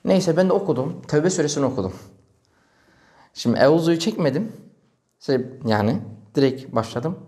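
Preacher guy telling a story, lively, acts out the voices, kinda high voice. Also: normal speed, pauses often. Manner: animated, acts out quoted dialogue. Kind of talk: storytelling in a religious talk.

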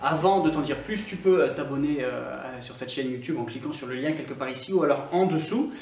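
A man's voice: medium pitch, fairly quick, vocal fry, a little mellow, echoey room, far from the mic. A Scottish man who teaches English online, ranting to camera in a teasing, mock-serious way with lots of fillers and restarts. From Scotland. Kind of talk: opinionated vlog to camera.

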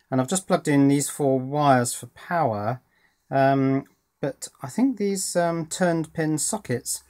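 At an indoor workbench, a hobbyist presenter gives a casual, hands-on electronics demonstration, thinking aloud a bit hesitantly. His voice is medium-pitched and a little mellow.

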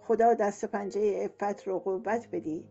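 A woman doing a nagging old granny, a touch higher and louder, dull lo-fi sound with faint music behind. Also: steady tone, creaky, natural voice. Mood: grumbling. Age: older. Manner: complaining, nagging, talkative. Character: chatty gossiping old village woman.

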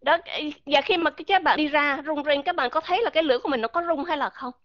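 Woman teacher going over pronunciation online, kinda high voice, dull dry voice chat audio. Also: no room sound. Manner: patient, repeats sounds slowly to demonstrate. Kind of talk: live online pronunciation lesson.

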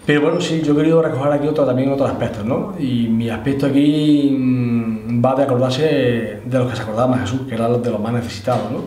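The speaker, a middle-aged Andalusian interviewee and Holy Week proclamation orator, talks fast with few pauses in a dark, steady, mid-range voice. His storytelling is conversational and full of tag questions. He is recorded in an indoor room with display cabinets, and the sound is echoey, slightly distant and faintly noisy.

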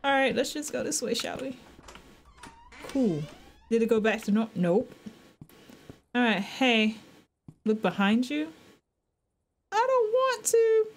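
High-voiced, scared woman streaming horror games. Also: unhurried, long pauses, slight background noise. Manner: scared, nervous sarcastic rambling; slangy, repeats words. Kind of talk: casual gameplay commentary. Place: small indoor room at a desk.

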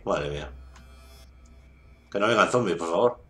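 A man's voice: low voice, animated, normal speed, fairly bright tone, soft background music. A man with a Spain accent giving casual, slangy gameplay commentary, muttering and swearing. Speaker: gameplay streamer. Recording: echoey room.

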